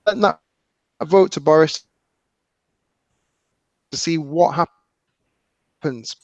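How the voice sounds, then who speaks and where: A man's voice comes through a video call that glitches and breaks up, words dropping out. He speaks as a panel guest in a halting way, repeating himself. The sound is dry and close, with no room around it. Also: on the high side, dry recording. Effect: glitchy breaking-up call audio. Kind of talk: panel discussion.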